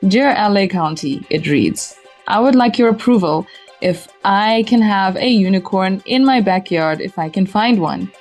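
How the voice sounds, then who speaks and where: A woman's voice: mid-range voice, animated, unhurried, darkish tone, soft background music. A woman from South Africa hosting a casual podcast, upbeat and laughing often. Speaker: podcast host.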